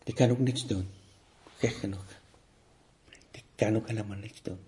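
A man giving a contemplative spiritual talk, speaking slowly and repetitively with pauses, sometimes dropping to a near-whisper. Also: lowish voice, steady tone, mellow. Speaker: spiritual teacher.

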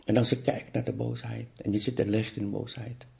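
Male spiritual teacher, low and dark-toned, slow and repetitive, sometimes nearly whispering. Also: level tone, gravelly. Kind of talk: contemplative spiritual talk.

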